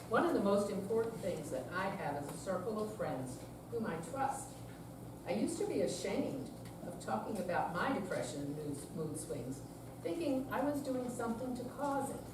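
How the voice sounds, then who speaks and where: This live staged reading in a senior center room features an older actress portraying a woman of seventy, earnest, confiding, weary and resolute in her deliberate, scripted speech. Her natural voice is medium in pitch, picked up from afar in an echoey space with clear, steady background noise.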